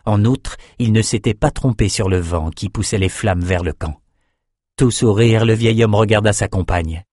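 A man narrating a fantasy audiobook in a steady, measured storytelling voice. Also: on the low side, no echo, studio quality.

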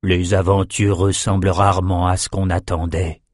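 A man voicing a gruff, teasing old male wizard in an audiobook. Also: deep voice, level tone, normal speed, a little mellow, no room sound, studio quality, pitched below the performer's own voice. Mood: musing. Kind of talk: audiobook character voice.

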